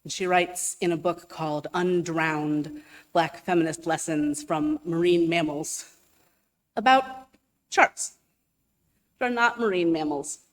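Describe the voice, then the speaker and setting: A woman delivers a sermon and reads aloud in a slow, unhurried way. Her voice sits on the low side. She mixes self-deprecating asides with careful reading. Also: big-room sound. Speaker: guest speaker and minister candidate.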